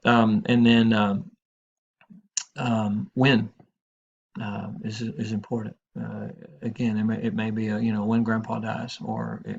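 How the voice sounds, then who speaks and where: A man's voice: lowish voice, gravelly, breathy edge. A middle-aged man teaching a crisis counseling class, talking informally with many fillers and restarts. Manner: rambling, many fillers and restarts, frank anecdotes. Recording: dull lo-fi classroom recording.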